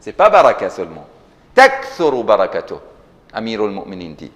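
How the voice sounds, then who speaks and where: A man preaching a religious sermon, quoting Arabic scripture and explaining it, with sudden impassioned rises in pitch and volume. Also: wildly swooping pitch, fairly quick, lo-fi sound. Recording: long reverb of a large hall.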